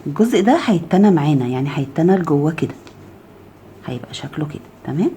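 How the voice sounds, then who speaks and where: A woman's voice: low-pitched, expressive, quick pace, slight background noise. A woman with an Egyptian Arabic accent gives a step-by-step crochet tutorial, counting stitches aloud and often checking "okay?". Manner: drops to a soft murmur while handling the work. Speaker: crochet teacher.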